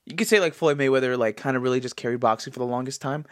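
A man in his twenties, congested, talking in a rambling, animated style full of fillers as a solo podcast host. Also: medium pitch, very fast. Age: 20s. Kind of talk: casual solo commentary.

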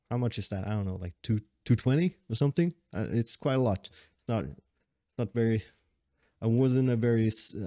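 Podcast host, man in his late twenties, low-ish voice, loose rambling chat, dry close recording. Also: a little mellow, no echo. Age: 20s. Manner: rambling, self-correcting, laughs often. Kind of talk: casual solo podcast chat.

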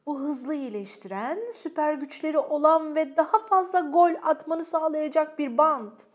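A woman voicing a cheerful, gentle father fox in a children's storybook reading. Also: high voice, normal speed, voice pushed up, close to an everyday voice. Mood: playful.

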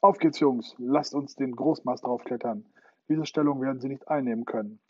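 A man voicing a plucky boy who shouts orders to his comrades, on a dull lo-fi recording. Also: medium pitch, normal speed, slightly rough, dry recording, lightly acted. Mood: commanding. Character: plucky boy leading the fight.

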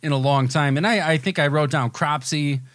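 A man's voice: fairly high pitch, normal speed, fairly bright tone, dry recording. A man co-hosting a podcast, rambling with enthusiasm in casual chat, often restarting his sentences. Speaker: podcast co-host.

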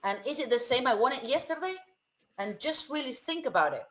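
A woman's voice: high voice, expressive, brisk, a bit bright. A woman speaking reflectively in a group conversation. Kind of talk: motivational group chat.

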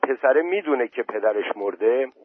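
A man's voice: mid-range voice, animated, slightly rough, no room sound. A man voicing a worried village headman who asks practical, fretful questions. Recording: dry tinny phone-like voice message.

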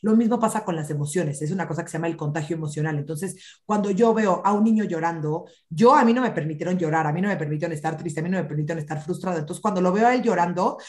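A woman, a parenting expert, explaining child development in an animated podcast chat and acting out children's lines. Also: lowish voice, quick pace, few pauses.

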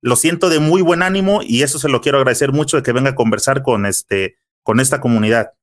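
A man's voice: mid-range voice, quick pace. A man hosting a sports podcast, opening the show and interviewing a guest in a friendly, respectful way. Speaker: podcast host.

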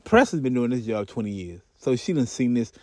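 A man's voice: mid-range voice, very animated, fairly quick, darkish tone, dry recording, studio quality. A young man casually telling a comic story in slangy, profane speech with many fillers.

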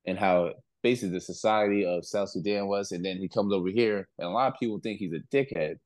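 A man's voice: lowish voice, quick pace, a little mellow, no room sound. A young man co-hosting a podcast, telling stories in a laid-back, rambling way with plenty of slang. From outside the US. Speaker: podcast co-host. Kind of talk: casual chat.

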